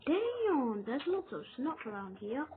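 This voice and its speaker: A woman's voice: sits high, sing-song, a little slow. A British woman giving casual, rambling commentary as she plays a game, talking to herself as she goes. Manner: rambling, chatty self-talk. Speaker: gamer. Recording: tinny lo-fi with noise.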